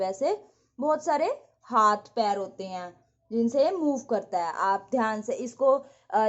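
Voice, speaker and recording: A woman's voice: on the high side, dull audio. A woman teacher with an Indian English accent giving an online lesson, drilling words aloud and answering her own questions. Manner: drills words aloud, repeats them, asks and answers herself.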